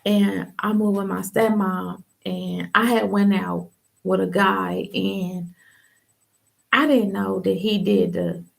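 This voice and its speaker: A young woman from Ohio shares her personal testimony on a livestream, speaking candidly in loose everyday slang. Her voice has a gravelly fry, and her pitch sits in an ordinary middle range. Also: lively intonation, takes it slowly. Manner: casual, candid storytelling with slang and many fillers. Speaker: podcast host telling her testimony.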